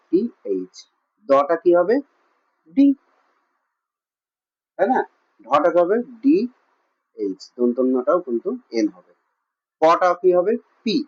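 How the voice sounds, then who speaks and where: A man teaching a lesson with a West Bengal Bengali accent, asking questions and answering them himself with lots of repetition. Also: a little high. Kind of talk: classroom lesson. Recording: muffled lo-fi recording.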